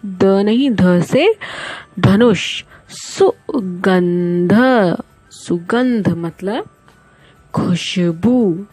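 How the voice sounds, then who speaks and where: A woman teacher giving a slow spelling dictation to young children, repeating each word and breaking it into sounds with patient care. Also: mid-range voice, animated, warm tone, husky, no room sound.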